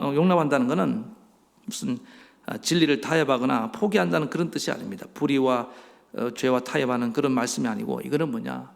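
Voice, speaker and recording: A man's voice: a little high, gravelly. A middle-aged man, a pastor, preaching a sermon and putting rhetorical questions to his congregation in a church sanctuary. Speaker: senior pastor. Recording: long reverb of a church hall.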